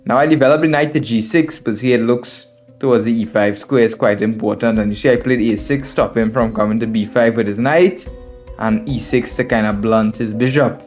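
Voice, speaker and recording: This man, a chess streamer and instructor from Trinidad and Tobago, speaks with a Trinidadian accent in a mid-range, slightly mellow voice at a fairly quick clip. He narrates a live game as a teacher would, thinking out loud, repeating himself, and greeting viewers as friends, with music playing behind him.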